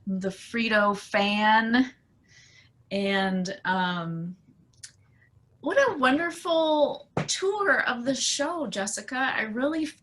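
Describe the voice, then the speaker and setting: Bright-voiced woman artist on a video call. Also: fairly high pitch. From Portland, Oregon area. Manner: warm, earnest, many fillers, gets choked up. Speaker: exhibiting artist. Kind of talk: casual heartfelt remarks on a video call.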